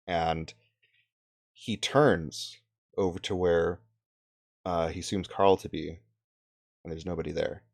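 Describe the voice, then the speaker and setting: A man narrating as game master of a tabletop game, halting with many fillers. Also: low-pitched, little pitch movement, vocal fry, darkish tone.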